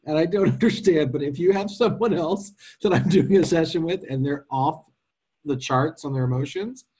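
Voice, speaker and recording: A man co-hosting a casual live question session, explaining card readings in quick bursts with self-deprecating humor. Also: fairly high pitch, dark tone, breathy edge. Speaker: co-host and card reading teacher.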